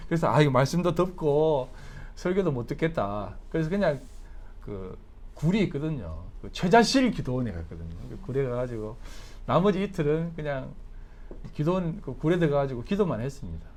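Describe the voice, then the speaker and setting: A male pastor delivers a sermon with a restless, sweeping pitch that climbs high when he exhorts and drops low and soft when he tells a story. His voice sits a little high for a man. Now and then he slips into the voices of family members, with a laugh in his tone. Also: fairly quick. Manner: animated preaching, swinging from soft storytelling to loud exhortation.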